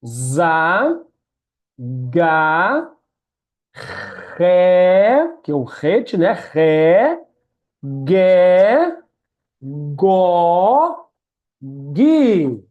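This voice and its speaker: A woman's voice: on the low side, very slow, pauses often. Woman teaching hebrew one on one, upbeat and encouraging, kinda muffled video call sound. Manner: patient, encouraging, lively. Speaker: Hebrew tutor. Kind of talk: one-on-one language lesson. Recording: dull lo-fi sound.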